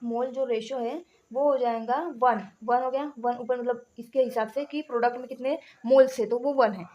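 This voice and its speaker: A woman's voice: on the high side, fairly even intonation, normal speed, darkish tone, muffled recording. A woman teaching chemistry, working through a numerical problem step by step and asking the class questions, with fillers and self-corrections.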